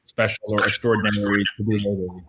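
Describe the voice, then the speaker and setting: Male podcast host, lowish voice, glitchy cut-out call audio with doubled words, faint hiss. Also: level tone, fast talker. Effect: glitchy audio cutting out, words doubling. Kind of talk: conversational interview. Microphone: computer mic on a video call.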